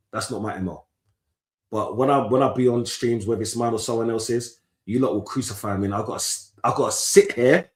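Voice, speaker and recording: A man in his thirties, commentating on a match live for his stream. His banter is loud and full of slang, and he breaks into sudden shouts. A roomy echo hangs on his mid-pitched voice. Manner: animated, swearing, London street slang, bursts of shouting. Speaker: football watchalong streamer.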